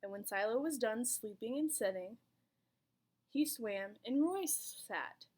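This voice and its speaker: A volunteer story reader, a woman with a fairly high pitch, reads a children's picture book aloud, telling it expressively with dramatic pauses.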